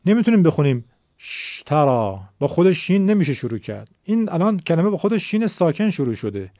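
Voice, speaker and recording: Male teacher, patient and polite lesson delivery, slightly raised pitch, lo-fi recording. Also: big pitch swings, mellow, no room sound. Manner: patient, addresses viewers politely. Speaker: Quran recitation teacher. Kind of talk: explanatory lesson.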